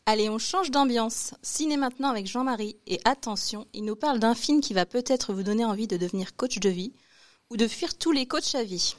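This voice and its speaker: Playful female radio host. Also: on the high side. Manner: playful, quick quips. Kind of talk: radio show hosting.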